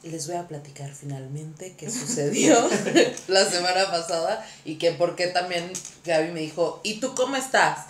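A woman hosting a podcast, telling a story in a lively, casual way with frequent laughter. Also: on the low side, measured pace, hardly any pauses, roomy sound. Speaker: podcast host.

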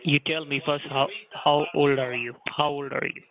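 Phone scammer, man; flat, bright delivery, insistent and evasive. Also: a little high, normal speed, rough recording. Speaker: phone scammer posing as customer support. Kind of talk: scripted call-center phone talk.

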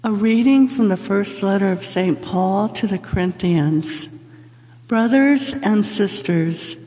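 A woman reads scripture at a lectern, slow and unhurried in a solemn, measured way. Her voice is mellow and soft-edged, and the long reverb of a big church hangs after every phrase. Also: medium pitch. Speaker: lector. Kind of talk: liturgical scripture reading. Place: large church sanctuary. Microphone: lectern microphone from a far camera.

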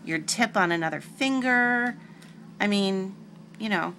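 A woman's voice: mid-range voice, unhurried, sharp tone, a little hiss or hum. A woman hosting a casual nail art tutorial, talking through each step with chatty, rambling asides.

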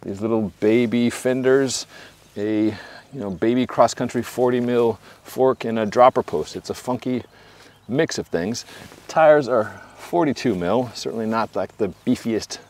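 Standing by wooded trails, a forties-aged bike reviewer talks casually through a product, dropping wry asides along the way. He has a mid-range voice that's a little mellow and a little slow.

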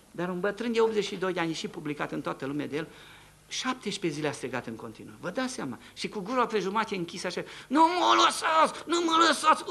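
Gravelly high-voiced male preacher. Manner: animated storytelling, swings between hushed and shouting. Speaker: preacher giving testimony. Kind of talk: sermon testimony. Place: church.

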